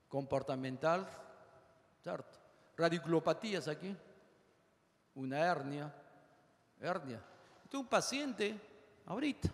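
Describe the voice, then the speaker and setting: A man lecturing medical students on pain, firing off rapid lists of causes and acting out the complaints of patients. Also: on the high side. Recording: reverberant lecture hall.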